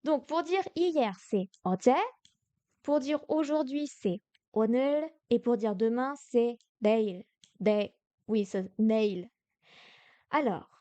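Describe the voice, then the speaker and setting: A woman's voice: a little high, darkish tone, no room sound. A young French woman teaching Korean grammar on a live stream, explaining patiently with many hesitations and restarts, sounding tired. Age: young adult.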